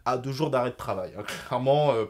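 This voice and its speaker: A man's voice: mid-range voice, quick pace. A man in his twenties telling a personal story to his viewers in a casual, slangy way, swearing often. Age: 20s. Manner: animated and slangy, with frequent swearing. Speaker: vlogger.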